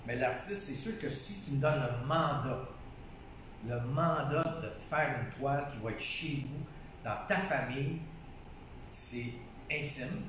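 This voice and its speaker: A man's voice: mid-range voice, slow pace, a bit bright. A man with a Québécois accent chats about his painting with eager enthusiasm, circling back on his own phrases. He sounds far from the mic in a very echoey room. A faint hiss sits under his voice. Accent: Québécois French. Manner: enthusiastic, repeats phrases, restarts often. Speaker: painter being interviewed. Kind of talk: casual conversational interview.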